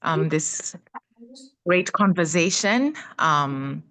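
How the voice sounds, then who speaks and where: A woman in her fifties from Uganda, sharing her personal story on a video call from her phone, pausing often with fillers. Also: sits low, lively intonation, a bit bright, rough recording. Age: 50s. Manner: halting, many fillers. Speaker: guest speaker.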